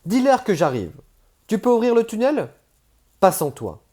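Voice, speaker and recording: A man's voice: high-pitched, huge pitch swings, normal speed, mellow, pitched above the performer's own voice, heavily acted. A man reading an audiobook voices a tense young woman on the run, urgent and clipped.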